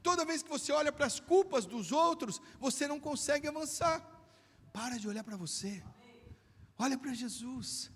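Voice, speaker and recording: A man with a Brazilian Portuguese accent, preaching a sermon as pastor and swinging from hushed tones to shouts. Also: extremely high pitch, lively intonation, normal speed. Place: church hall. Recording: long church hall reverb.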